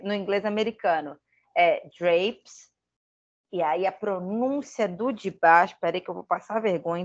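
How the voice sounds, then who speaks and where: A woman with a Brazilian Portuguese accent teaches English in a relaxed, chatty way. She thinks aloud and makes self-deprecating asides. Her voice sits at a medium pitch on a slightly dull, lo-fi recording. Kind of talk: casual online lesson.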